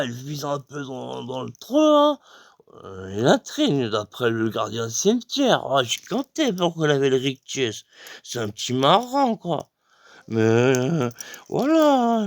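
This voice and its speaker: Rambling gravelly comic storyteller, man. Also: on the high side, no echo. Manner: rambling, full of fillers like voilà and euh. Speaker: comedian.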